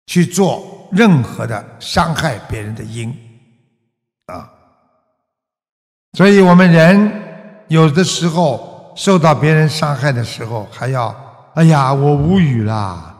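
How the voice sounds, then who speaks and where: Buddhist master man giving a sermon, gravelly voice, long hall echo, keeps asking questions. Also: fairly high pitch. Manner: rhetorical questions, frequent drawn-out "ah" particles.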